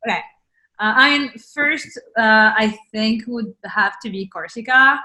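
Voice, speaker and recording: A woman from France speaks in a high-leaning, pushed, bright voice at a measured pace. She's an interview guest on a video call, and the conversation is casual, with many "like"s and "uh"s and ready laughter.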